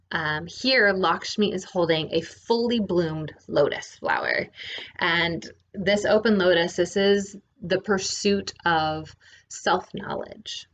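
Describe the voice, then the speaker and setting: A woman giving a casual spiritual lesson, often checking in with "right?". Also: on the low side. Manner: relaxed, often adds "right?". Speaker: spiritual teacher.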